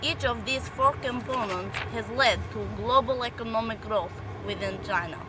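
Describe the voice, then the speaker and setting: A woman's voice: on the high side, normal speed, background noise, lightly acted. Woman putting on a stiff Russian-accented reader. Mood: formal recital. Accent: attempted Russian. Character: woman trying a put-on Russian accent, reading a stiff school economics note.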